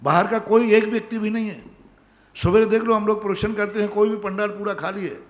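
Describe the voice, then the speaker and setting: A man's voice: high voice, steady tone, a little fast, big-room sound. A male Jain monk giving a sermon, emphatic, repeating his commands to the devotees. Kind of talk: sermon answering devotees' questions. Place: large pandal, nearly empty.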